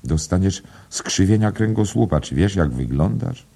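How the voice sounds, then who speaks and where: A man's voice: deep voice, expressive, normal speed, vocal fry, warm tone, breathy edge, voice pushed up, exaggerated voice. A man voicing a bitter, mocking aging Irish father who scolds and sneers. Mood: scolding. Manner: scolding, sardonic.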